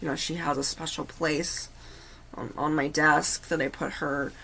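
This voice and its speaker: A woman hosting a livestream, telling a personal story in an earnest, halting, confiding way. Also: low-pitched, flat delivery, gravelly, bright, forceful tone, slight background noise. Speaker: livestream host. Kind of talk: casual storytelling.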